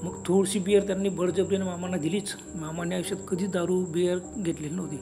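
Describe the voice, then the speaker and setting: High male storyteller, casual spooky narration, music bed behind. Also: flat delivery, creaky. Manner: conversational, unhurried storytelling. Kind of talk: first-person horror story narration. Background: background music and crickets.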